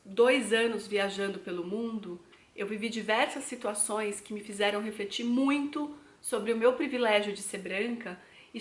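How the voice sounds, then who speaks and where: A young Brazilian woman with a Brazilian Portuguese accent, chatting reflectively to her viewers in a casual vlog. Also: medium pitch. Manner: chatty, addresses viewers directly as "gente". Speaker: travel vlogger. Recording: echoey room.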